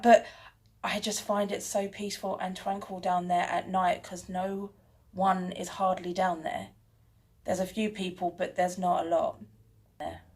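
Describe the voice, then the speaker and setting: Chatty woman talking to camera. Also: on the low side. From London, England. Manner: chatty, self-mocking, laughs often. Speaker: channel host. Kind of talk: casual chat to camera. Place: home room with bookshelves.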